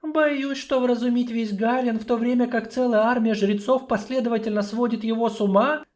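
A man voicing a troubled young sorceress in a high, strained falsetto for an audiobook. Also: steady tone, normal speed, darkish tone. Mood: doubtful. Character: troubled young female sorceress, weary, wry.

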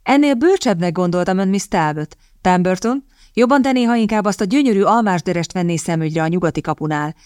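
A woman voicing a mocking aristocratic gentleman with a dry, sardonic manner, in a low voice. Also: expressive, clear, resonant tone, dry recording, natural voice.

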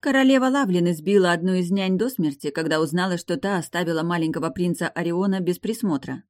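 A woman reading an audiobook, voicing a stubborn, sharp-tongued young woman who talks in firm, clipped phrases. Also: fairly low pitch, quick pace, no echo, clean studio sound, pitched above the performer's own voice, close to an everyday voice. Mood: defiant.

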